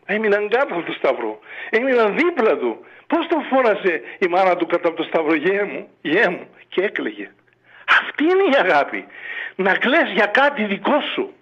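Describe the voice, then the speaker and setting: A man's voice: high voice, huge pitch swings. A man, a monk, speaking in a radio interview in a fatherly, exhorting way, full of rhetorical questions, heard over dull lo-fi radio audio. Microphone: radio studio or phone line.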